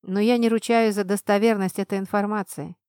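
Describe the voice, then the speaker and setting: A woman's voice: medium pitch, fairly even intonation, a little fast, darkish tone, smooth, no echo, studio quality, close to an everyday voice. A woman reading an audiobook, voicing a friendly, knowledgeable young male student who explains things patiently. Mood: explaining. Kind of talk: audiobook narration.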